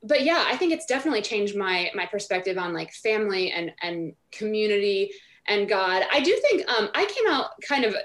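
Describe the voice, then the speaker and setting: A woman's voice: mid-range voice, sing-song, brisk, a bit bright. A woman of thirty, an author guesting on a radio interview over a video call from home, speaking thoughtfully with many fillers like um and like. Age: 30s. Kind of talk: remote interview answers.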